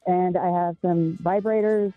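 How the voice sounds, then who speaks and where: A woman's voice: on the low side, fairly even intonation, a little slow, no echo. Muffled woman caller on a phone. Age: 40s. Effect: muffled phone line, receiver half covered. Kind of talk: call-in talk show chat. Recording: muffled tinny phone call, faint music.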